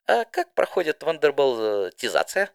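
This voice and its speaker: A man voicing a shy, scatterbrained young mare mail pony, speaking hesitantly in a high, squeaky voice. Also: wildly swooping pitch, measured pace, vocal fry, smooth, dry recording, clean studio sound, full character voice. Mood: flustered. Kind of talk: fan audiobook voice acting.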